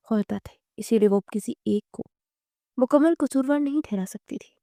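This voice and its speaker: A woman slowly narrating a romance novel in a hushed, emotional storytelling manner. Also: a little high, no room sound, clean studio sound.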